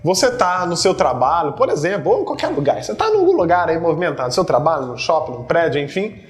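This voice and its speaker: A man's voice: fairly high pitch, very animated, fast talker, faint music behind. A man with a Brazilian Portuguese accent teaching a video lesson, playfully acting out little everyday scenes.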